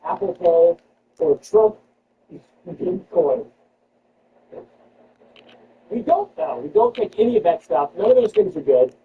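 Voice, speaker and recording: A man hosting a comedy show, riffing sarcastically on news items and jumping into high mock-outraged squeals. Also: phone-quality sound. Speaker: comedy podcast host. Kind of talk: comedic news riff with retakes. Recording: distant mic with background noise.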